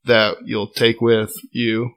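A young man, a college golfer appearing as a podcast guest, tells stories in a loose, casual chat recorded in a garage studio. His mid-range, slightly bright voice is monotone and slow, and his talk is packed with "like" and "I mean".

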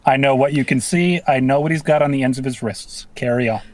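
A man's voice: mid-range voice, a little fast, crowd noise. A man co-hosting a podcast, butting in with wry, teasing remarks in casual chat.

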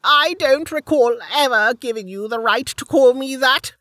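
A man voicing an ancient, withered old woman who is venomous and scornful, in a high, drawn-out voice. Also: pushed and bright, no room sound, heavily acted. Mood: cold. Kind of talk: audiobook character voice.

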